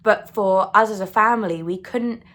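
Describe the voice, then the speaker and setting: A woman in her twenties calmly and earnestly sharing her spiritual awakening, often repeating words for emphasis. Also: medium pitch, normal speed. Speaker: spiritual channel host. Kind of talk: reflective spoken monologue on awakening.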